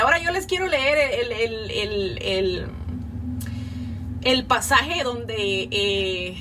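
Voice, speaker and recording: A woman's voice: fairly high pitch, sharp tone, recorded from a distance, slight background noise. A woman giving an informal Bible class, reading passages aloud and explaining them earnestly, often checking in with her listeners. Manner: earnest, frequent filler sounds and restarts, rhetorical tag questions.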